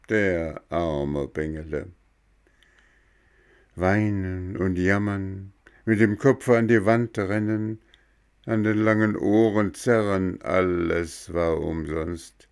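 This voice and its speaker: Slow gravelly male storyteller. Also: sits low. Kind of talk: reading a children's story aloud.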